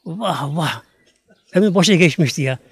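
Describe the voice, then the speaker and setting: A man voicing a plain-spoken, calm boatman in a sermon story. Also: a little high, moderate pace, husky, no room sound, full character voice.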